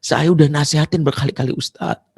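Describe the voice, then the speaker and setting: A woman's voice: sits low, steady tone, quick pace, vocal fry, a little mellow, husky, pitched above the performer's own voice, full character voice. A man voicing a distressed middle-aged single mother who pleads and scolds in an exasperated way. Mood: pleading.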